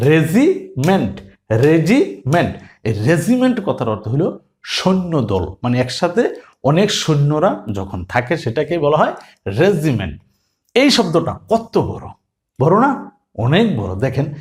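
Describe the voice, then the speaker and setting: A man teaching a beginners' spelling lesson, sounding out each word letter by letter. He keeps asking his class questions and answers them himself. His pitch sits a little high and jumps around a lot. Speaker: English teacher.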